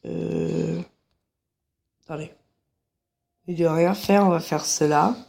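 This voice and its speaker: Here a gameplay commentator with a head cold does casual let's-play commentary from his couch at home. His voice is stuffy and nasal, fairly high and a little mellow, with a steady tone and a slow, creaky delivery. He chats with viewers and throws in jokey asides.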